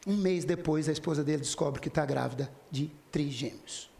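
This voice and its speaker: A man with a somewhat high, gravelly voice delivers a spiritist lecture as a story. He slips into the quoted lines of the people in it and turns to address the audience directly. The sound carries the echo of a hall. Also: normal speed, warm tone. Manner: retells dialogues in quoted voices, speaks directly to listeners. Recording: echoey hall.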